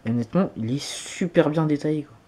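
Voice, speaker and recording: A man's voice: fairly high pitch, fast talker, dark tone. A man filming an unboxing vlog at home, talking enthusiastically and gushing over each item. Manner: enthusiastic, gushing with frequent exclamations. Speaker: YouTuber.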